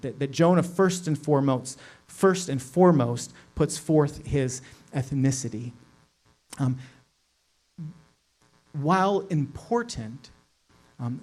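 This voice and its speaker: A middle-aged pastor delivers a sermon in a casual, conversational manner, with a medium-pitched, somewhat dark voice. He keeps tossing in asides like "right?" and peppers his speech with "like."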